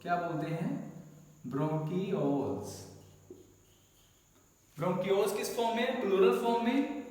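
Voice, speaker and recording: Male science tutor, high voice, repeats key slowly; recorded in a very reverberant room. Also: lively intonation, darkish tone. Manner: asks questions then answers them himself. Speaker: science teacher. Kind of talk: classroom lecture. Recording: very echoey room with long reverb.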